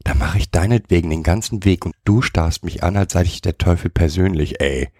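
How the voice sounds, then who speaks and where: A man voicing a cheeky, chubby little male gnome with a croaky voice who talks in brash slang and keeps saying "ey". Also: deep voice, fairly quick, warm tone, no echo, studio quality. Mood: grumpy, cheeky. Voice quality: croaky, says "ey" constantly. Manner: brash, rude street slang.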